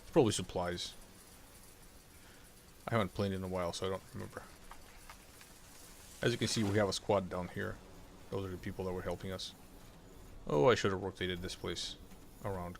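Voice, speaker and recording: Man, gaming streamer, getting over a cold, casual commentary, gravelly, faint noise. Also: sits low. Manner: chatty, explaining the game as he plays.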